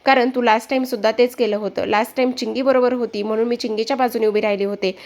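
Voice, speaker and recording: A woman voicing a blunt, sharp-tongued woman making insistent accusations in a retold serial. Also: fairly high pitch, steady tone, quick pace, natural voice. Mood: accusing.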